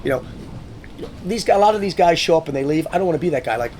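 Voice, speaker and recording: Animated, swearing man telling stories. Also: on the high side, racing, a little hiss or hum. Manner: swearing, animated storyteller who acts out quotes. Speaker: guest, motivational speaker. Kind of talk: casual storytelling conversation.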